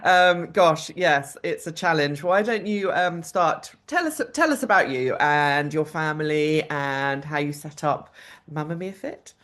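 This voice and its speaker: Woman host, chatty, laughs easily, lowish pitch. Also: animated, measured pace. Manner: chatty, warm laughs between lines. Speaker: podcast host. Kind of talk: casual chat.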